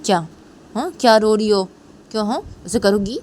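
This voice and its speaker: A woman's voice: medium pitch, moderate pace, a little hiss or hum, voice pushed up, close to an everyday voice. A woman voicing an angry young mother who scolds her child harshly. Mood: angry, scolding. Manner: sharp, scolding interrogation.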